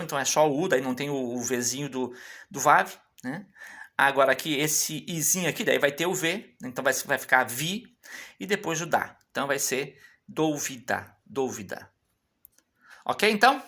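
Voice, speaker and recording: A Hebrew teacher giving an online lesson. The teacher walks through written examples, repeats sounds slowly and checks in with frequent tag questions. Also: mid-range voice, sharp tone.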